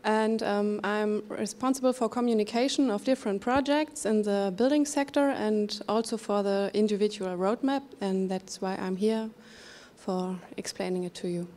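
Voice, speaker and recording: A woman's voice: medium pitch, fairly even intonation, moderate pace, dark tone. A woman from Germany with a German accent introducing herself on a conference panel, speaking in a straightforward way. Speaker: panel speaker, energy agency expert.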